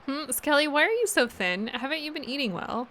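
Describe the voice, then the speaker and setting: A woman voicing a doting old grandmother in a video game, speaking with gentle, tearful tenderness. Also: high-pitched, expressive, a little fast, a little hiss or hum, voice pushed up.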